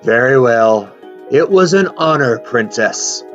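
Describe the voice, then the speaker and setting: A woman's voice: extremely low pitch, expressive, slow, lo-fi sound, faint music behind, exaggerated voice. A woman playing a dramatic, devoted male wizard in an acted fantasy scene, grandiose and grave by turns. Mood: resigned, devoted. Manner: theatrical, swooping between grandiose and grave.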